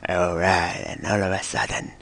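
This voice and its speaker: A man's voice: low-pitched, flat delivery, normal speed, a bit bright, no room sound. A man giving a casual, playful, comedic retelling of a game intro. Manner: casual, playful, mock-storytelling. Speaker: game commentator.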